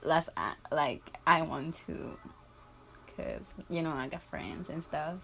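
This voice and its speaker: An eighteen-year-old woman being interviewed, talking casually and haltingly with lots of fillers. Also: sits low, very animated, vocal fry, a bit bright.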